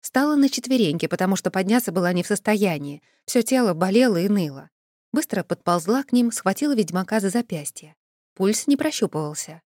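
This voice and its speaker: Woman reading a fantasy novel out loud, lively, dry close studio sound. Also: medium pitch, a little fast, no room sound. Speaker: audiobook reader. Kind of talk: first-person fantasy audiobook narration.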